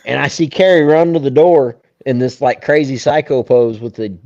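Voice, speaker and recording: A man's voice: medium pitch, moderate pace, a little hiss or hum. A man, co-hosting a podcast and telling long, profane stories in casual chat. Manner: profane, animated storyteller. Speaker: podcast co-host. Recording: dull lo-fi sound.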